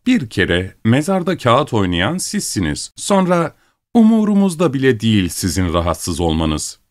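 A man's voice: medium pitch, sing-song, no room sound, studio quality, pitched above the performer's own voice, lightly acted. A man doing a cheeky, sneering joker. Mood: mocking. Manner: sarcastic, deliberately spaced words. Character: mocking, insolent male joker, cheeky.

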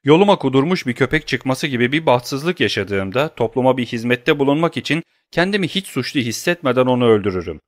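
A man's voice: mid-range voice, expressive, a little fast, hardly any pauses, dry recording, clean studio sound, pitched above the performer's own voice, close to an everyday voice. A man reading an audiobook who voices a middle-aged banker who is frightened but indignant, protesting in a defensive, agitated way.

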